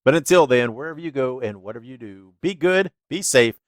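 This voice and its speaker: A wrestling podcast host wraps up his show in a chatty, laughing outro, sounding stuffy and congested. His medium-pitched voice is expressive and fairly quick, recorded at studio quality with no echo.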